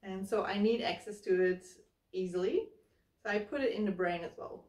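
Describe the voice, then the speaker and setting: A woman in her thirties, a hiking vlogger, talks casually at a moderate pace in a darkish, mid-range voice, showing step by step how she loads her backpack while handling the gear. The living-room recording comes from a camera mic across the room and sounds roomy and slightly distant.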